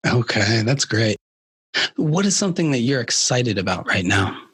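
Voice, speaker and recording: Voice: mid-range voice, big pitch swings, moderate pace, fairly bright tone, slightly rough, no room sound. A podcast host who asks brief questions and backs the guest with short acknowledgements. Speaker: interview host. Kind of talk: podcast interview.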